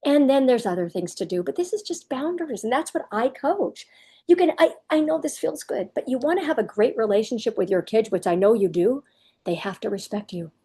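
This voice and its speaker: A woman with a slightly husky, fairly high voice coaching parents. She talks emphatically and turns straight to the listener as if to a mother in front of her. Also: lively intonation, a little fast, dark tone. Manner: emphatic, addresses parents directly. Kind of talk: direct-to-camera parenting advice.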